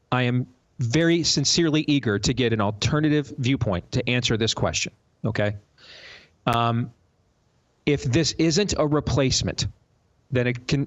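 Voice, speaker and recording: A man moderating a political panel discussion, deliberate and explanatory, on dull lo-fi audio. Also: mid-range voice. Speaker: panel show host and moderator.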